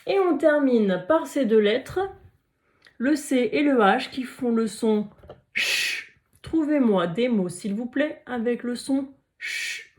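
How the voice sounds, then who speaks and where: A woman's voice: a little high, animated, slow pace, darkish tone. A woman teacher giving a recorded phonics lesson to young children, carefully sounding out letters and syllables and praising the listeners often. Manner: encouraging, praising.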